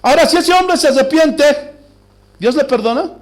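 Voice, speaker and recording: Male pastor, sermon delivery in a church, high and animated, keeps quizzing the flock. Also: normal speed. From Bolivia. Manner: preaching with rhetorical questions to the congregation.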